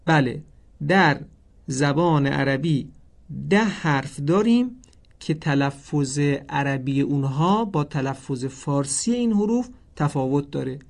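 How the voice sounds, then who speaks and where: Guy teaching tajwid, slightly high voice, reads out letters slow and careful, polite formal tone. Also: animated, creaky. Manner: slow, deliberate, stresses each letter; formal, addresses listeners politely. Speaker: Quran recitation teacher. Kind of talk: tajwid lesson, reciting letter names.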